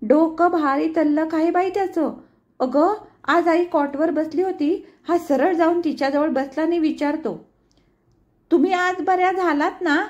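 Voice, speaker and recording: A woman's voice: very high voice, unhurried, darkish tone, highs cut off, voice pushed up. A woman voicing a fond, talkative young mother who recounts her son's sayings with amusement. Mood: chatty.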